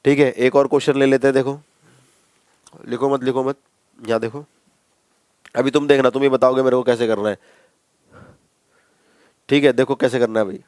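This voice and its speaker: A man's voice: mid-range voice, fairly even intonation, moderate pace, long pauses, a little mellow, clean tone, no room sound. A man teaching a maths class, talking students through each step in a casual, repetitive way and calling them bhai. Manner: conversational, addresses students as bhai, repeats steps. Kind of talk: classroom lecture.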